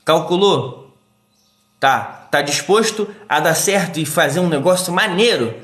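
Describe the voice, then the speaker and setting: Middle-aged brazilian guy on a live stream, kinda high voice, echoey room, animated, does little quoted voices. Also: unhurried. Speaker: therapist and live-stream host. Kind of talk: casual live-stream talk.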